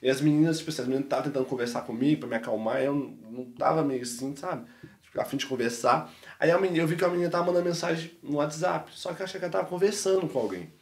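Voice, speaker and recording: A Brazilian man with a Mineiro accent, a podcast guest telling a personal story in an animated, slangy way. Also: on the high side, racing, reverberant. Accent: Mineiro Brazilian Portuguese. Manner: animated, slangy, peppers speech with "mano" and "velho". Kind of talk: casual storytelling testimony.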